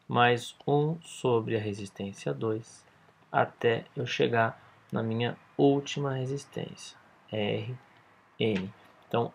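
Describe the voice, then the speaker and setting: Male physics teacher, husky, gravelly voice, walks students through each step. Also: mid-range voice. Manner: explains step by step, checks in with "tá?" and "ok?". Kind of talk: whiteboard physics lesson.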